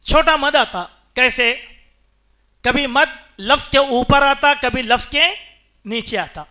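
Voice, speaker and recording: A man's voice: very high voice, bright, forceful tone. A man giving a Friday sermon in a mosque, speaking emphatically and quizzing the congregation with rhetorical questions. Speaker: preacher.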